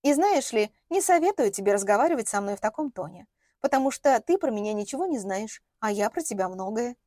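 A woman's voice: fairly high pitch, expressive, brisk, warm tone, no room sound, clean studio sound. A woman reading an audiobook, voicing a bold, sarcastic young heroine who confronts and mocks. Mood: cocky. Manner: mocking, confrontational.

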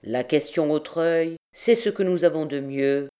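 A woman's voice: deep voice, a little slow, dark tone. Woman reader playing a chatty, cheerful male prosecutor, cruel under the good humor, storybook reading. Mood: jovial. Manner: chatty and jovial.

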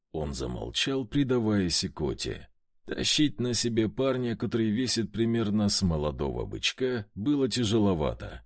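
Man reading a story with lively tone. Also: medium pitch, no echo, studio quality. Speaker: audiobook narrator. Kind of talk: first-person story narration.

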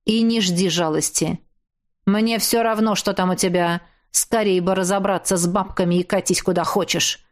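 A woman's voice: medium pitch, fairly even intonation, lightly acted. A woman voicing a crude, threatening man who has kidnapped his ex-wife, with coarse, mocking speech. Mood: gruff. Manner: coarse, mocking, slow menacing delivery.

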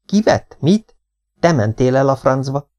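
A man voicing a furious, grieving middle-aged father who shouts and then pleads. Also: fairly low pitch, dry recording, natural voice. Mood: shouting. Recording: dull lo-fi recording.

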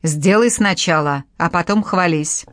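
An imperious tsar of old Russia gives orders in an abrupt, commanding tone, read by a woman. The voice sits low for a woman, and the recording is dry and close. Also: measured pace, no echo, lightly acted. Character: angry then grateful male tsar, commanding.

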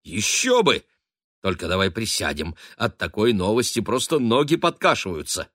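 A man's voice: lowish voice, huge pitch swings, normal speed, a bit bright, no room sound, clean studio sound, heavily acted. A man voicing a gushing, teasing middle-aged lady of the house who fusses over her ward. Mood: excited gushing. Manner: effusive, fussy, teasing.

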